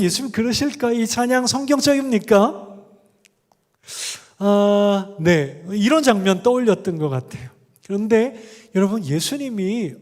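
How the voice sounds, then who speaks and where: Man preaching in a church, chatty, keeps asking the crowd stuff, pretty high voice, long echo off the hall. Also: a little mellow. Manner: conversational, questions the audience. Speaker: guest speaker, professor. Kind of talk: sermon with sung examples. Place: church sanctuary.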